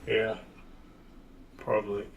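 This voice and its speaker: Gravelly flat-voiced man over typing. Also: lowish voice, takes it slowly, a little hiss or hum. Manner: brief offhand replies. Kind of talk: casual chat. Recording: loud keyboard clicks over the voice.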